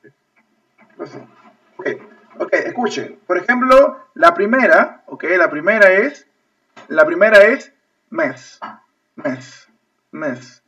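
A Peruvian man with a high, bright voice teaches an online class, repeating himself and checking after nearly every phrase that his students are following. His voice sounds distant from the microphone through thin, lo-fi video-call audio. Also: lively intonation, unhurried, long pauses. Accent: Peruvian Spanish. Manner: repetitive, checks understanding with constant "ok?". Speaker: English teacher.

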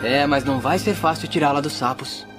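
Speaking a little fast in a low, natural voice, a woman with a Brazilian accent performs a cartoon dub as a kind young male cricket hero. The character comes across earnest, lovesick, and sad, with music playing behind.

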